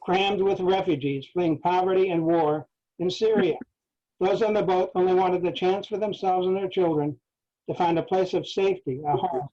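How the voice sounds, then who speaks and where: A man reads aloud from his own memoir at a measured pace, stopping now and then for asides to listeners. His voice is mellow and sits somewhat high. The recording is dull and lo-fi. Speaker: author. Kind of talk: author reading from his memoir.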